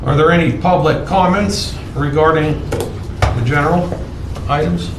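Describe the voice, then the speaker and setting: A man's voice: fairly high pitch, measured pace. A man presiding over a public township meeting in a plain, procedural way, heard on a meeting-room recording like a courtroom tape. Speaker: township supervisor chairing the meeting. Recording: distant, echoey meeting room with background noise.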